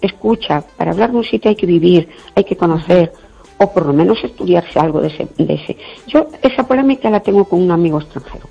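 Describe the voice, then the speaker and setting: An older woman chatting casually, telling stories in an outspoken, indignant way and often clearing her throat. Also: fairly low pitch, lively intonation, a little fast. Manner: outspoken, indignant, acts out quoted dialogue. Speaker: guest in a conversation. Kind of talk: casual chat, storytelling. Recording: dull lo-fi recording, faint music behind.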